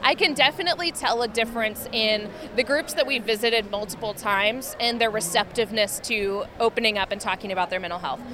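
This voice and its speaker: A woman's voice: fairly high pitch, a little fast, few pauses, background noise. A woman who does farm stress outreach, answering interview questions in an upbeat, earnest and optimistic way in a busy convention expo hall.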